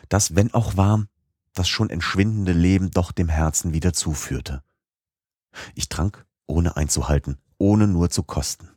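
A man narrating a classic novel as an audiobook in a measured, steady manner. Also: low voice, breathy edge, no echo, clean studio sound.

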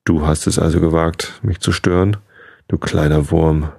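A man voicing a huge proud dragon that threatens in a slow, booming way. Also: steady tone, gravelly, dark tone, slightly rough, no echo, studio quality, full character voice. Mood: menacing. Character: huge proud male dragon, thundering and menacing.

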